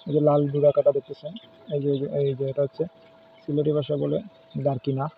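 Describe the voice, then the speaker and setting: A man's voice: on the high side, completely flat delivery, fast, gravelly. A man casually showing his home fish tank, pointing out and naming each fish as he goes. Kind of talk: casual home video walkthrough. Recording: phone-like lo-fi sound with faint noise.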